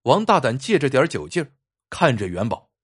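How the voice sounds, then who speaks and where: A male storyteller reads a folk ghost tale with expressive, dramatic pacing. His voice is husky and his pitch swings in a lively way. Mid pitch overall. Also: brisk.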